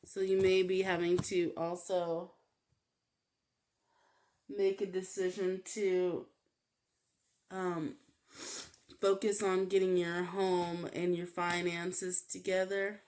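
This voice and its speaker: A woman giving a casual tarot reading, talking in a halting way with many fillers. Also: on the low side, little pitch movement, darkish tone. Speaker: tarot reader.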